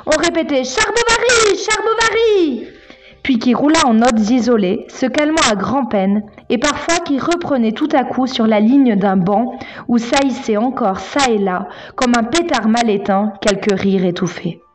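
A woman narrating a literary text in a measured, even reading. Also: a little high, noisy background. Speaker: audiobook narrator.

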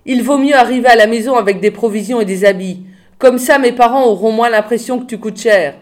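A woman reading a storybook voices a practical teenage girl who talks briskly and sharply. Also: fairly high pitch, close to an everyday voice. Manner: brisk, acerbic.

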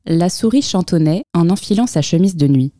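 A woman reading a children's picture book aloud as storyteller, with expressive, lively storytelling in a close, dry room. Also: on the low side, normal speed, no echo.

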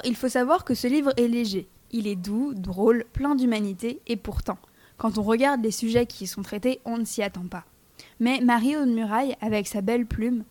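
A woman's voice: fairly high pitch, darkish tone. A teenage girl reading a scripted book review for a school radio show, playful and teasing as she speaks straight to her listeners. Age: teens.

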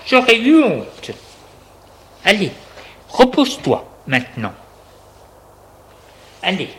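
A man's voice: high-pitched, sharp tone, full character voice. A man reading a story aloud and voicing a stern, scolding grandmother in a raised voice. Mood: coaxing stern. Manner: scolding, reproachful.

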